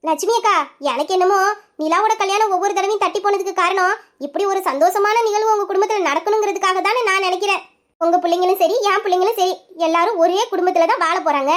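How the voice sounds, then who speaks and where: A high young voice playing a warm woman of the family, speaking in a reassuring way. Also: fast.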